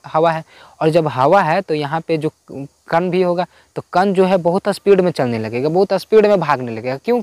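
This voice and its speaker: A man's voice: fairly high pitch, a little mellow, no room sound. A man teaching a school physics lesson in informal Hindi, repeating key points and asking himself questions before answering them. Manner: repetitive, asks and answers his own questions. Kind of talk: explaining homework answers.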